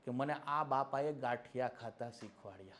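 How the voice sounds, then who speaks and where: A man's voice: medium pitch, normal speed, fairly bright tone. A man giving a classroom lecture as an exam-prep history teacher, with teasing, mocking satirical asides, who keeps checking that his listeners agree.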